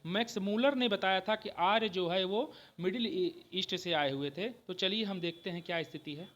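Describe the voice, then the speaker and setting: A man with a high, slightly bright voice gives an exam-prep history lecture, explaining step by step and regularly checking in with students. He says "ठीक है" again and again and explains slowly, restarting often.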